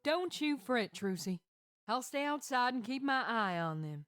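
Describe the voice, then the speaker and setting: A woman voicing a calm, wry mare companion who soothes and gently teases, in fan game voice acting. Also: fairly high pitch, measured pace, no echo, soft background music.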